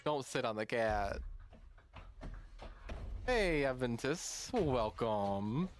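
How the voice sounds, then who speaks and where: A man's voice: medium pitch, big pitch swings, extremely slow, slight background noise. A man streaming live, chatting casually with his viewers in a rambling way while reacting to memes. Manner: rambling and chatty, talks to chat.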